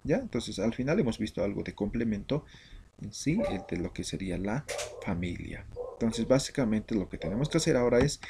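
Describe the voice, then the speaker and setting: A man from Bolivia teaching a language lesson, reading vocabulary slowly word by word with explanations. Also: on the low side, big pitch swings, vocal fry, mellow, slight background noise. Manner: slow, deliberate word-by-word drilling.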